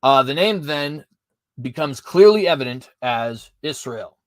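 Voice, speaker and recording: With an expressive, medium-pitched voice and an unhurried pace, a man hosts a podcast and reads his prepared apologetics notes, full of fillers and self-corrections. No room sound is audible.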